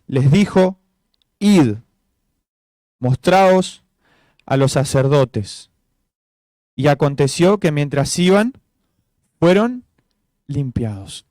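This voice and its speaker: Male pastor, high-pitched, conversational sermon delivery, dry close-miked sound. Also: darkish tone, no echo. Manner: informal, asks rhetorical questions, many fillers.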